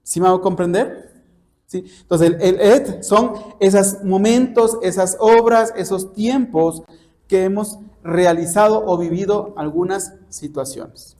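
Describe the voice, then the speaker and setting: With a high-sitting, mellow voice and a measured pace, this man, whose native tongue is Spanish, gives an expository sermon as a church preacher and Bible teacher. The delivery is didactic, lesson-like, and punctuated by questions to check understanding.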